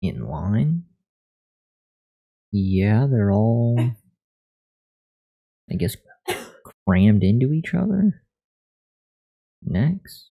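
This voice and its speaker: A man's voice: on the low side, big pitch swings, very slow, gravelly, pauses often, husky, dull audio. A man streaming live while learning to code, reading lesson text aloud and adding joking asides. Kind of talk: casual live-stream commentary.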